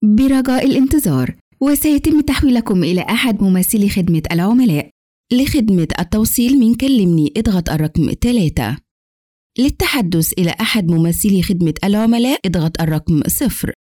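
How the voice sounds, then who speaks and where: An Egyptian woman speaks as the recorded customer service voice of a phone menu. Her tone is mellow and relaxed, with lively melodic movement in the pitch. The delivery is scripted, polite and formal, captured close and dry. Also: fairly quick, dry recording.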